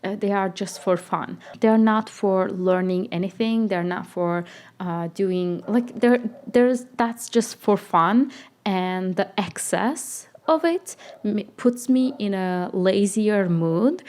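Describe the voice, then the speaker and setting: A young woman who isn't a native English speaker talks casually in a life-update vlog. Her mid-range voice is slow and a little mellow, and she uses lots of fillers and corrects herself often.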